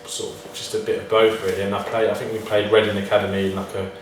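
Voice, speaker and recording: Speaking quickly in a fairly low, level voice, this footballer gives hesitant, modest answers that poke fun at himself during a relaxed interview. He's recorded from a distance in a reverberant indoor space, with a little faint noise.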